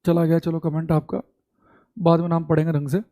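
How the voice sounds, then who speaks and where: A male teacher giving a live online class, repeating key points slowly for students to write down and calling them brother. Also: fairly high pitch, little pitch movement, dark tone. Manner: scolding and exasperated about audio complaints.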